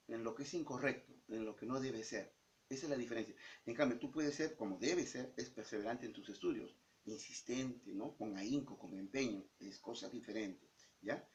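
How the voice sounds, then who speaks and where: A man's voice: mid-range voice, a little hiss or hum. A male teacher explaining exercises step by step, often checking in with the student. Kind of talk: recorded lesson explaining exercises. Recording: dull lo-fi sound.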